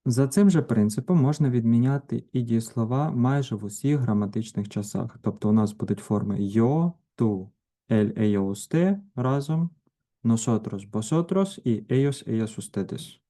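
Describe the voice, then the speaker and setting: A man teaching a grammar lesson, working through verb forms one at a time with deliberate pauses between them. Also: medium pitch, mellow. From Ukraine. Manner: slow, deliberate, pausing between each verb form. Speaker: language teacher. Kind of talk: grammar lesson with conjugation drills.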